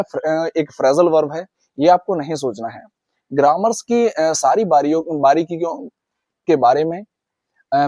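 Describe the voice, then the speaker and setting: Male teacher, slightly high voice, drills phrases slowly, dry close recording. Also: warm tone, no room sound, lo-fi sound. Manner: repeats phrases slowly for practice, addresses viewers as guys. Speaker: English teacher. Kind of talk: spoken lesson.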